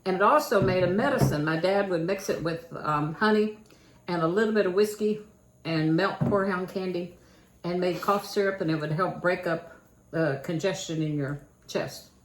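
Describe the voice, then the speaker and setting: Older kentucky lady vlogging at home, folksy and chatty, lowish voice, echoey room. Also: normal speed. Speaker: channel host. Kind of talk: casual home vlog chat. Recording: echoey room with faint noise.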